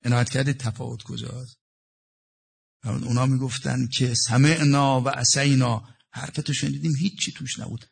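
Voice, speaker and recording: A man preaching a religious sermon in a gravelly, husky voice. He quotes Arabic verses and unpacks them in everyday speech. His delivery swings between hushed passages and raised, emphatic ones. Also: medium pitch, little pitch movement. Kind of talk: religious sermon with Quranic recitation.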